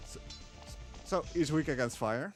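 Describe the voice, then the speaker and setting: This man's voice is on the high side and unhurried as he commentates live on his own speedrun. He explains while playing, relaxed yet hesitant, with many fillers, and there's faint music in the background.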